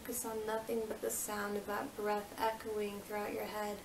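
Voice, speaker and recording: A woman yoga instructor leading a guided meditation with soothing, unhurried, gently repeated instructions. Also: mid-range voice, monotone, vocal fry. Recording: roomy, distant mic with faint noise.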